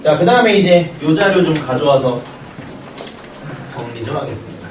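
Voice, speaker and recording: A man's voice: fairly high pitch, lively intonation, normal speed, heavy background noise. A man teaching math to a class, joking and telling stories between points. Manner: joking banter with students, storytelling. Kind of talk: classroom lecture. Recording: roomy classroom echo, distant mic.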